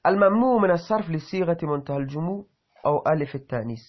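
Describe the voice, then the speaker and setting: A man with a slightly high voice teaches an Arabic grammar lesson, reading out example sentences and then explaining them. He sometimes stops mid-word and corrects himself. The recording is dull and lo-fi. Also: expressive.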